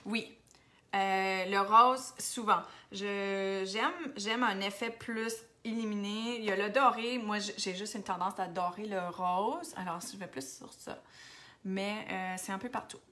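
A bright, clear-voiced woman with an Acadian French accent hosts a casual live stream. She chats easily, answers viewers one by one and sometimes drops to a near-whisper before coming back to full voice. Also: medium pitch, fairly even intonation, unhurried. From New Brunswick, Canada. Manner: chatty, switches to English, drops to near-whispers now and then. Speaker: makeup seller hosting a Facebook live.

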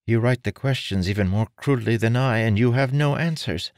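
A man voicing a strange, quiet young man in an audiobook, speaking in a hushed, absorbed way. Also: medium pitch, fairly quick, no room sound, clean studio sound, voice pushed up, lightly acted.

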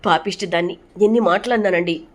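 A woman's voice: lowish voice, fast talker, close to an everyday voice. Distraught middle-aged mother, remorseful, pleading, voiced by a woman narrator. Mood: distressed.

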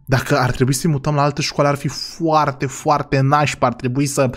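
A man playing a father in a role-play game, talking excitably and often saying "God forgive me". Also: medium pitch.

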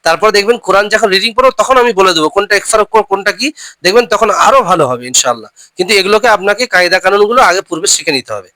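A man teaching a recitation lesson. He spells out letters and syllables slowly, repeats them, and keeps reminding listeners to remember the rules. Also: sits high, animated, pushed and bright, dry recording, rough recording.

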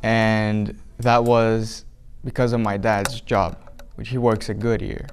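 A man's voice: on the low side, level tone, slow pace, a little hiss or hum. A young man from Brazil with a Brazilian accent, answering interview questions in a hesitant way with many restarts, recorded in a small room. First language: Portuguese. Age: young adult. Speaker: documentary subject. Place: small indoor room with flag backdrop.

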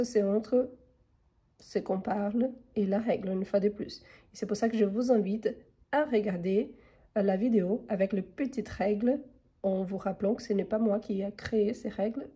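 A woman's voice: medium pitch, fairly even intonation, moderate pace, dark tone. A woman teaching French grammar online, patiently reading each exercise sentence and then explaining the rule, her voice congested from a cold. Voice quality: husky.

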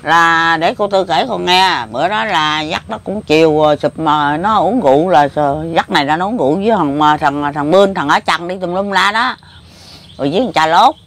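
A woman's voice: sits low, moderate pace, a bit bright. An elderly woman in her seventies with a Southern Vietnamese Mekong Delta accent. She is the interviewee and rambles through her memories. Her speech is plain, emotional and full of repetition. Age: 70s. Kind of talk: casual rambling recollection.

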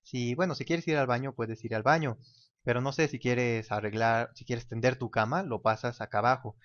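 A man's voice: mid-range voice, steady tone, moderate pace. Man explaining while drawing, lo-fi. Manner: casual, talks while drawing, mimics ticking clock. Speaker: teacher. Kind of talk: whiteboard explainer lesson. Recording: dull lo-fi recording.

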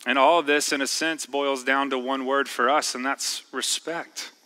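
A man preaching a sermon in a church, talking in a conversational way and slowing down to stress key words. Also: mid-range voice, fairly even intonation, pushed and bright, rough recording. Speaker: pastor. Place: church sanctuary.

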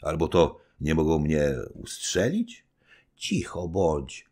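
Man as a calm, steady little knight. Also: rumbling low, slow, full character voice.

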